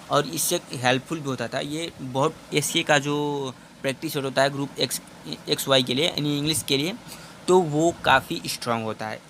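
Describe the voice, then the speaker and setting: A man's voice: on the high side, fairly bright tone, a little hiss or hum. A young man teaching English for exam preparation, explaining each question at length and calling his viewers friends. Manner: reads English question lines slowly, then explains in Hindi. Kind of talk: exam-prep lesson.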